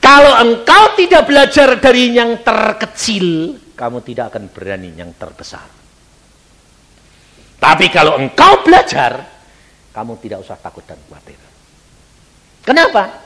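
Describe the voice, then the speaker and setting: Man, pastor, Javanese accent, sermon, slightly high voice, very lively intonation, dramatic loud-to-hushed delivery. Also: moderate pace, pauses often. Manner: dramatic, acts out dialogue, swings between loud outbursts and hushed asides.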